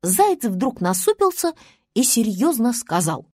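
A woman narrating a children's story in a lively, expressive way. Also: fairly high pitch, measured pace, breathy edge, dry recording, studio quality. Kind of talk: storybook reading.

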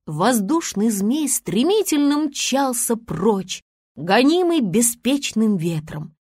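Woman storyteller, breathy and lively; expressive children's story narration, dry booth sound. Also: slow pace, dry recording. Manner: animated storyteller with big pitch swings.

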